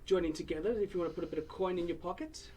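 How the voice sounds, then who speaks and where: A game master voicing a stern older female dwarf in a tabletop game, loud and hearty, calling people lass and wee lad. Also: medium pitch, steady tone, rapid-fire, far from the mic, slight background noise, natural voice, rough recording. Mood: businesslike.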